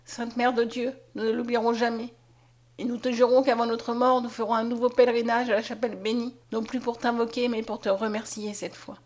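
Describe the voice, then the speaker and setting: A woman's voice: on the high side, little pitch movement, brisk, darkish tone, natural voice. A woman voicing a devout, tender young peasant girl in an audiobook reading. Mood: overjoyed. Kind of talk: audiobook character voice.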